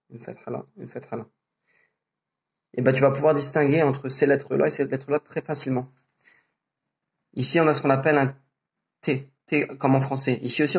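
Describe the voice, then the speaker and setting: A man's voice: medium pitch, vocal fry. Patient man teaching pronunciation. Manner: patient, explains slowly with fillers and repeated sounds. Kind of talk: casual spoken lesson.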